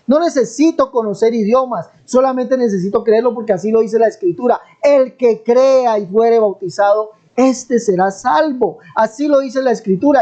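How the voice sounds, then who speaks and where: In a lo-fi recording, a very high-pitched man with a dark tone and a Colombian Spanish accent preaches emphatically, drawing out his stresses as he teaches the Bible in a live online debate. The Colombian keeps pushing his point and repeating his question.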